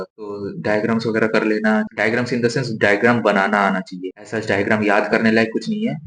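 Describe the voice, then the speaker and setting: A young man giving casual, direct study advice for board exams, repeating his instructions in a coaching tone. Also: lowish voice. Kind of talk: casual exam-prep advice to camera. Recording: echoey room with faint noise.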